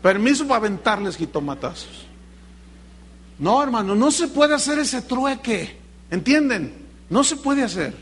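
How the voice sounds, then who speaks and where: Preacher, high tenor, animated sermon, plays out dialogues. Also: male voice, measured pace, slightly rough. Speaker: pastor.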